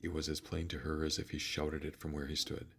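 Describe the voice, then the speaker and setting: Very deep, firm gravelly male narrator. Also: completely flat delivery, a little fast, fairly bright tone. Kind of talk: soothing classic story narration.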